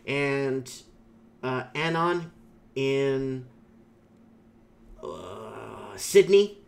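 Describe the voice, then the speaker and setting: His medium-pitched voice is creaky, with lively intonation and drawn-out words. A YouTube host whose first language is Portuguese, he rambles opinionatedly about viewer comments, often using fillers and restarting.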